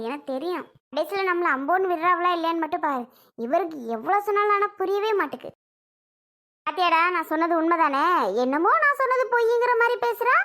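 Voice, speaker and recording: A woman's voice: very high-pitched, sharp tone. A woman playing a suspicious, scolding old mother-in-law in a family skit. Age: older. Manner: scolding, nagging.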